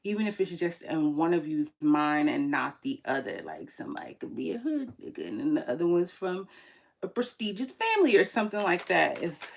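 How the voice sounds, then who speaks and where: A woman's voice: on the low side, very animated, a little fast, vocal fry. A woman reading tarot on a livestream, chatting casually in slangy speech and reading viewer comments aloud. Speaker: tarot reader hosting a livestream.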